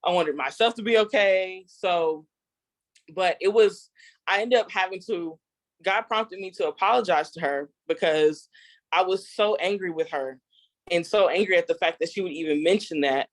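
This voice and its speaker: A woman's voice: lowish voice, moderate pace, no echo. A young adult woman telling a personal story in a casual group talk, acting out the voices she quotes. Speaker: group member sharing a testimony.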